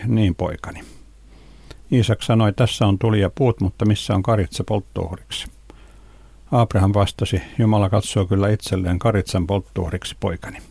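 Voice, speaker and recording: A man giving a calm, measured devotional reading of scripture and teaching on it. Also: low voice, vocal fry, slightly rough, dry recording. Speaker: Bible teacher.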